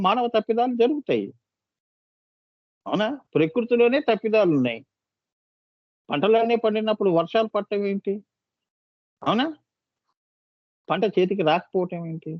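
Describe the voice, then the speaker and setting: A man teaches a devotional discourse in a high voice, turning often to his listeners with coaxing, scolding questions. The sound is close and dry, slightly dull and lo-fi. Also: dry recording. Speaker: spiritual teacher.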